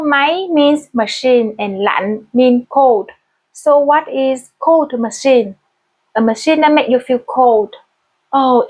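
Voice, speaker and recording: A woman with a Vietnamese accent, a native Vietnamese speaker, explaining a language lesson in a clear, step-by-step teaching manner. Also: on the high side, rough recording. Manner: clear, explanatory, modeling example phrases slowly.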